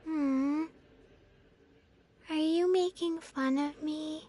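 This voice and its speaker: An actress voicing a small, blunt, dreamy girl in a video game, with a slow, flat, childlike delivery. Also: sits high. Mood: gentle.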